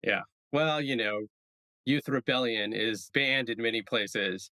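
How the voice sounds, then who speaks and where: Bright-voiced man, upbeat podcast co-host. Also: mid-range voice, measured pace, no room sound, poor audio. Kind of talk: casual chat. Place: New York City.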